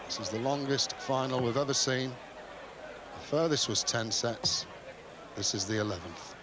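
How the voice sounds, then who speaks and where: A man's voice: medium pitch, normal speed. A man giving live television darts commentary in terse phrases. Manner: terse phrases, reading out checkout combinations. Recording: noisy TV broadcast over loud crowd. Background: very loud crowd noise.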